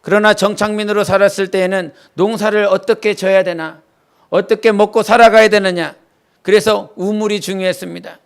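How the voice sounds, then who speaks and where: In a church sanctuary, a male pastor from Jeolla, South Korea, delivers a Wednesday sermon, shifting between earnest teaching and homely tales from his childhood. His voice is high, gravelly yet clear and resonant, with fairly even intonation and a slightly quick pace.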